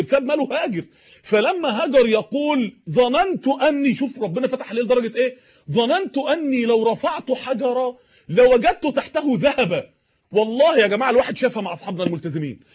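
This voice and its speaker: A man's voice: high voice, slightly rough. A man with an Egyptian accent preaching a sermon, impassioned, with rhetorical repetition. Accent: Egyptian Arabic. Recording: dull lo-fi recording.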